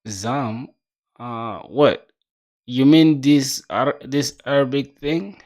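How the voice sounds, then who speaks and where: A man's voice: medium pitch, takes it slowly, a little mellow. Laid-back slangy young man streaming. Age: 20s. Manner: laid-back, slangy, reads viewer chat aloud. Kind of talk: casual livestream chat while coding.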